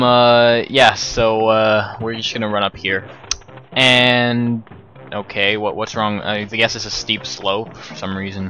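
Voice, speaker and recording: A man giving casual let's play commentary in a bright, slightly low voice. He rambles and chats, poking fun at himself as he goes. Faint music plays behind him. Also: rough recording. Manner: rambling, chatty, self-deprecating. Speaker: gameplay commentator.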